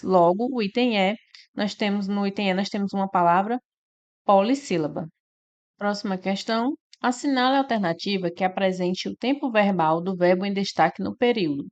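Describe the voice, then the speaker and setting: A woman's voice: mid-range voice, muffled recording. A woman, teaching an exam-prep lesson and walking through each answer step by step with frequent tag questions.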